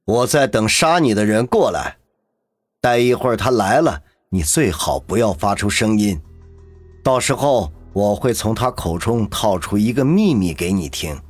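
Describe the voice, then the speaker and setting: Brief: male actor as a sneering mystery villain in an audio drama, husky, lowish voice, dry close sound. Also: animated, moderate pace, no room sound, faint music behind. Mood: cold menace. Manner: sneering, mocking. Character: cold, taunting mysterious male captor.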